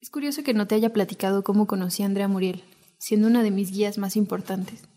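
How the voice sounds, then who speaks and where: A woman's voice: medium pitch, steady tone, quick pace, mellow. A woman narrating a documentary podcast in a reflective, intimate scripted way. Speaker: narrator and host.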